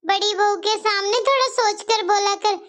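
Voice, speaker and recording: A woman's voice: extremely high pitch, steady tone, normal speed, fairly bright tone. A woman voicing a stern old mother-in-law. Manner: scolding, lecturing. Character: older mother-in-law, stern but fair-minded. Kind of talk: cartoon story voice acting.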